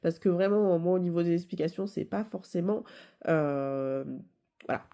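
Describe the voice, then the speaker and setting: A woman's voice: on the low side, normal speed, dark tone. A woman with a stuffy nose from a cold, explaining a game casually with many fillers and self-corrections. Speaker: video game channel host.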